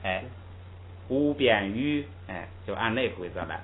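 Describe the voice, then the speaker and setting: A man's voice: fairly low pitch, animated, a little slow. A man teaching a language class, patiently explaining step by step and drilling pronunciation aloud. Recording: tinny lo-fi recording with faint hiss.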